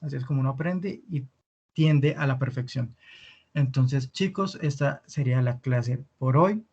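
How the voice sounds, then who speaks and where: A man teaching an online language lesson, patiently repeating words slowly for his students. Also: mid-range voice, a little mellow, husky, lo-fi sound. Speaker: Spanish teacher.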